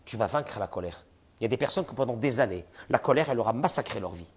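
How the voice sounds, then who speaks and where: Animated, husky man teaching a class. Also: mid-range voice, fast. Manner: animated, rhetorical questions, voices imagined people. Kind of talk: religious lesson.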